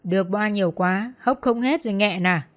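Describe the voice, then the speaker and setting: A woman's voice: medium pitch, normal speed, lightly acted. A woman voicing a snide, jealous hostess. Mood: sneering. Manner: sneering, taunting.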